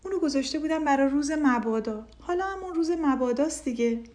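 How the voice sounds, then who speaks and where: A woman's voice: high-pitched, mellow, pitched above the performer's own voice, lightly acted. A woman narrator voicing a cheerful, generous young village man in a children's story, reassuring in tone.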